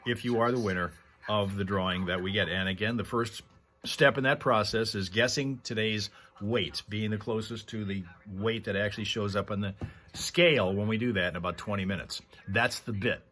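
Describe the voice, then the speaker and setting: The speaker is a livestream host chatting casually and telling loose, conversational stories to viewers. He has a lowish, somewhat bright voice and a moderate pace, with background noise clearly present.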